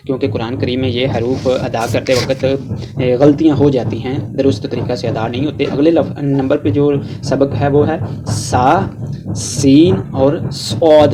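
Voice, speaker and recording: A man with a Pakistani Urdu accent teaching a tajweed lesson, explaining letter sounds and drawing out each letter slowly as he drills them. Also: medium pitch, steady tone, background noise. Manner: slow, drawn-out recitation of letters between plain explanations. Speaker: Quran reading teacher.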